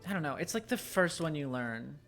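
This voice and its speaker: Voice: medium pitch, animated, fairly quick, fairly bright tone, faint music behind. A streamer chatting casually while playing, rambling with lots of ums and small laughs. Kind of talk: casual chat while gaming.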